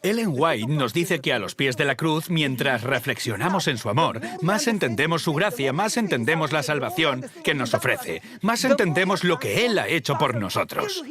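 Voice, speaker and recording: A man's voice: a little high, big pitch swings, normal speed, few pauses, a crowd in the background. A male pastor with a Spain Spanish accent preaching a sermon, telling a story and acting out its dialogue in changing voices.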